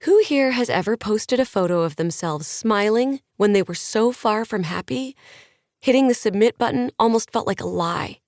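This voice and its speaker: A woman narrator performs an upbeat influencer giving a motivational talk, pitching her well above her own voice with bright, eager, preachy energy as she projects to a crowd. The delivery is expressive, peppy and inspirational at a moderate pace. The sound is close and dry with no echo, like an audiobook booth.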